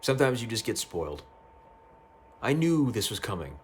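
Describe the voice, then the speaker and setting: A man talking casually about a video game ending, excitable, swearing freely and often stumbling over and repeating his words. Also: fairly low pitch, moderate pace, a little hiss or hum. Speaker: gaming youtuber. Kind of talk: casual game review monologue. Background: faint music.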